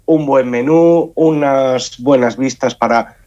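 A muffled, dull recording carries a man with a Spanish accent from Spain. His voice is nasal and congested with a head cold, at an ordinary male pitch. He explains in a conversational interview manner, doubling back on words. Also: takes it slowly, a little mellow. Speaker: science outreach association spokesman, radio guest. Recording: muffled, dull band-limited sound.

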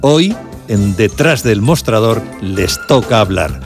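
A man reading a scripted radio program intro in a measured announcer's delivery. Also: fairly low pitch, animated, music in the background.

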